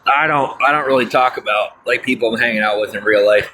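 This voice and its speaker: Here a fast-talking man with a medium-pitched voice livestreams over some background noise. Reading comments and chatting loosely with his viewers, he rambles, filling gaps with fillers and folksy remarks. "I'll tell you what" is a frequent phrase in his folksy delivery.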